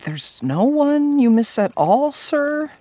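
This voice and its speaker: A man's voice: very high voice, sing-song, slow, warm tone, no echo, heavily acted. An actor playing an earnest, worried boy scout in a short film, who is timid and polite and keeps saying sir. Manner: timid and deferential, says sir constantly.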